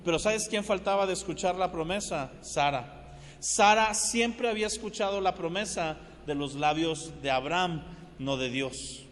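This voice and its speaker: A man's voice: high voice, moderate pace, a bit bright. A man preaching a sermon, telling the story conversationally and checking in with his listeners. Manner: storytelling, conversational, asks "¿verdad?" often. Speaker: pastor. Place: church hall. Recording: long reverberant hall.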